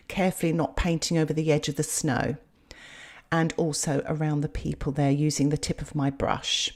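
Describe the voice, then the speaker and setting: Calm woman narrating a painting tutorial. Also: lowish voice. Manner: calm step-by-step instruction. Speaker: watercolour art teacher.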